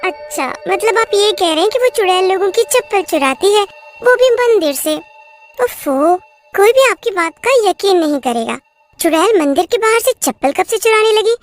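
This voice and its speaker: Young newlywed wife read by a woman, teasing and skeptical, high lively voice over faint music. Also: moderate pace, dry recording. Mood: mocking. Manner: bright, teasing, mocking.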